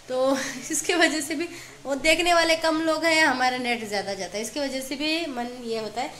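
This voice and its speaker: A woman's voice: high-pitched, fairly bright tone. A woman in her thirties filming a casual home vlog in a small kitchen with a phone at arm's length, chatting in a homely, rambling way. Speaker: vlogger, mother. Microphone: phone held at arm's length.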